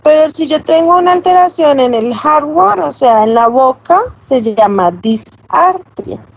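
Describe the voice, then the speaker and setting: A high-pitched woman teaches a class, explaining terms patiently and asking her students if they follow. The sound is a little dull and lo-fi, picked up by a computer mic. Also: expressive, a little slow, creaky. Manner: explanatory, checks with tag questions. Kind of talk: online class lecture.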